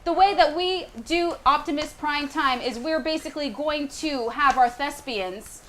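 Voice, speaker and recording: Female host, high-pitched, upbeat, steers the show along. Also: normal speed, noisy background. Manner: upbeat, running the segment and cueing the crew. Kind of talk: live web show hosting.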